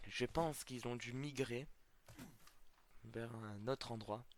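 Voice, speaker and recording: Hosting a gameplay video, a man with a slight cold chats casually to viewers in let's-play commentary, hesitant and full of fillers. He speaks slowly at a medium pitch, with a bit of hiss or hum in the audio.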